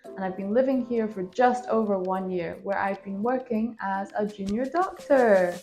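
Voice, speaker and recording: Woman, 20s, from Scotland; chatty, rambling vlogger voice, mid pitch, light music underneath. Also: normal speed, darkish tone. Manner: chatty, rambling, self-deprecating. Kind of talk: casual vlog talk to camera. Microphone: phone with plug-in microphone.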